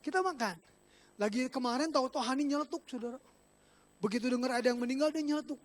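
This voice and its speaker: A male pastor with a Sundanese-inflected Indonesian accent delivers a church sermon in a notably high-pitched voice. He is animated and jokey, jumping between loud exclamations and soft, quiet asides. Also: quick pace. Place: church service.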